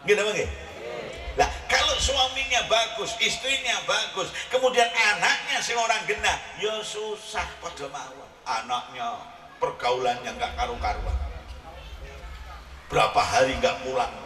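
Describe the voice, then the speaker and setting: Animated preacher. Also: male voice, high-pitched, unhurried. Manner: animated, mixes in regional words, shouts punchlines. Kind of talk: humorous sermon at a religious gathering. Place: large hall with audience. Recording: echoey hall recording from far off, audience noise.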